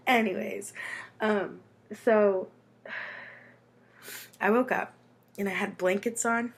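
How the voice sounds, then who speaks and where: A woman's voice: medium pitch, fairly even intonation, slow, creaky, slightly rough. An American woman with a runny nose from being sick, telling a personal story in a casual, chatty, informal way with dramatic asides. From Texas, United States.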